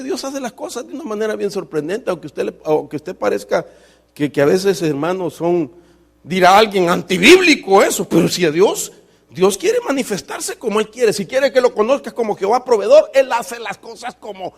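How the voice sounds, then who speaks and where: A man's voice: very high-pitched, a bit bright. A man preaching a sermon as pastor, telling stories fervently and often calling his listeners brother. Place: church sanctuary. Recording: long reverb of a church hall.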